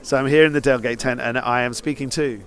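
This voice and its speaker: A man's voice: mid-range voice, steady tone, quick pace. Jokey man hosting market interviews. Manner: jokey, teasing, laughs often. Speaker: podcast host interviewing stall holders. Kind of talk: casual market-stall interviews. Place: busy indoor market tent.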